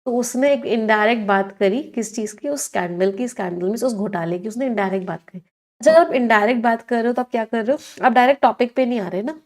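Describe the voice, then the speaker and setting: A woman's voice: on the high side, quick pace. Hindi-English mixing woman teacher. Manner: explains words in Hindi mixed with English, asks the class questions. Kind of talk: online exam-prep lesson.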